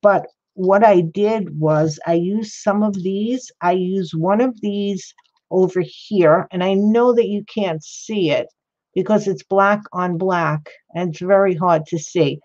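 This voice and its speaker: A woman's voice: medium pitch, takes it slowly, darkish tone. A woman chatting casually to her livestream viewers while she works on a craft project, rambling and answering chat by name. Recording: slightly dull lo-fi stream audio.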